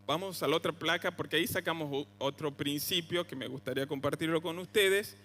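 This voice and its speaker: A young man with an Argentine accent, preaching a sermon in a conversational way, his voice jumping higher on quoted cries. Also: fairly quick, sharp tone, big-room sound, slight background noise. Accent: Argentine Spanish (voseo). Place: church hall.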